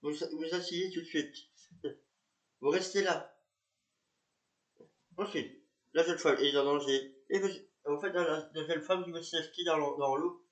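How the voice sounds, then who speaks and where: A man's voice: on the high side, fairly even intonation, a little slow, pauses often. A man narrating and playing a police officer, talking hesitantly with many fillers and repeats. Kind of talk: amateur reenactment of police patrol. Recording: echoey room.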